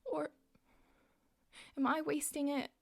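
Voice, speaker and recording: A woman's voice: sits high, flat delivery, slow, creaky, no room sound, full character voice. A woman voicing a desperate teenage girl time traveler who rambles through a frantic monologue. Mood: anxious. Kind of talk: audio drama monologue. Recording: guitar music underneath.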